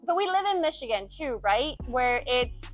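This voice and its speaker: A woman's voice: high-pitched, faint music behind. A woman raised in the United States, chatting casually and animatedly as a guest answering viewer questions. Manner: animated, quick storytelling with emphatic swings. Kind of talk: casual chat.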